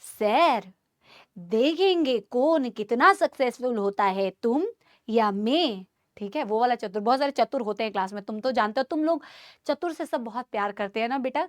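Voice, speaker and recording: A woman teaching biology in a live online class, animated, quizzing students and calling them beta and bhaiya. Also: fairly high pitch, no room sound, clean studio sound. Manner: asks the class many questions. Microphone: studio mic.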